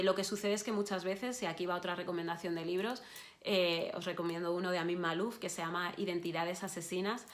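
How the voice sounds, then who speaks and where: Woman, fairly low voice, online course talk, encouraging, speaks straight to listeners, restarts often. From Spain. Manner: encouraging, addresses listeners directly, frequent restarts and fillers. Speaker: journalist giving an online course session.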